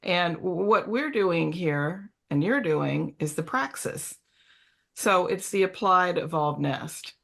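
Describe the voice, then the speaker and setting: Woman, low-pitched, host, heartfelt storyteller, video call. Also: animated, takes it slowly, gravelly, fairly bright tone. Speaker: editor and discussion host. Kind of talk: conversational panel discussion.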